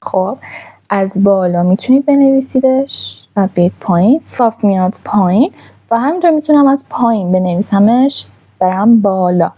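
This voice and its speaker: A woman's voice: mid-range voice, expressive, mellow. A woman teaching a language lesson, patiently drawing out each sound she demonstrates.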